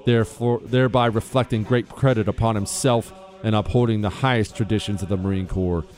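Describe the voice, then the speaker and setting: An American man, a radio host, reading a military citation aloud in a crisp, formal, scripted manner. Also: on the low side, steady tone, brisk, a little mellow, faint music behind. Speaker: radio talk show host.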